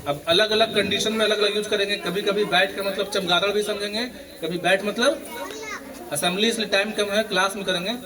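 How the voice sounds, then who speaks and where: A man's voice: sits high, fairly even intonation, fairly quick. A male schoolteacher, leading a morning assembly lesson and quizzing students for chorus answers. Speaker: school teacher. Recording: children's crowd audible behind.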